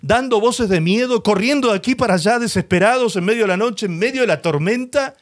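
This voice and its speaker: A male pastor preaching a sermon, retelling scripture dramatically and slowing down for emphasis. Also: high voice. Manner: expressive preaching, slows and rises for emphasis; dramatizes scripture, voicing the people in the story.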